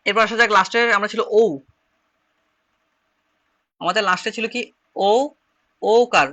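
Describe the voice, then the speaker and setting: A man's voice: sits high, fairly even intonation, measured pace, pushed and bright. A man from Bangladesh with a Chittagong Bengali accent, teaching an online shorthand class and repeating each step patiently. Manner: repetitive, drilling, step-by-step explaining.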